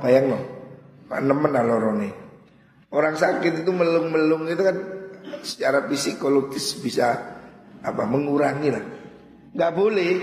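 A middle-aged man with a Javanese accent teaching a classical religious text, chanting scripture slowly and explaining it in a sermon. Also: medium pitch, darkish tone. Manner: slow deliberate, chants Quranic verses. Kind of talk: traditional kitab study sermon. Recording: echoey hall with long reverb.

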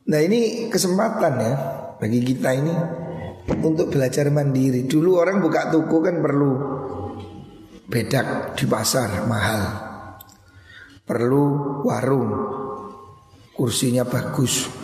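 A man's voice: on the high side, vocal fry, a little mellow. A man, a cleric giving a religious study lecture in a folksy, teasing way, slipping in asides. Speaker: cleric teaching a religious text. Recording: echoey hall.

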